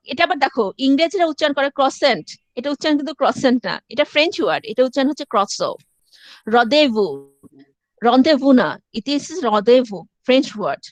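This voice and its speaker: Woman lecturer, high voice, dry close sound, step-by-step teaching with English asides. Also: dry recording. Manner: explains step by step, mixing in English phrases. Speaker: university lecturer. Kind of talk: classroom lecture.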